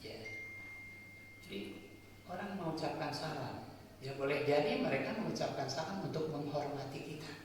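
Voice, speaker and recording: A man's voice: a little high, expressive, normal speed, pauses often, background noise. A male preacher gives a sermon, explaining point by point and asking and answering his own questions. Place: mosque hall. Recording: echoey hall, voice from far off.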